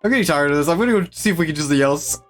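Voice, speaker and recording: A man's voice: fairly high pitch, lively intonation, racing, fairly bright tone, faint music behind. A man co-streaming a video game in casual chat, laid-back and answering with short dry quips.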